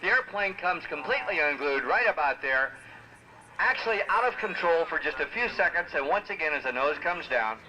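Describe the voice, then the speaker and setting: A man's voice: a little high, expressive, brisk, sharp tone. Descriptive male airshow commentator, noisy recording. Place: outdoor airshow. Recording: noisy outdoor PA with aircraft engines. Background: propeller aircraft engine noise.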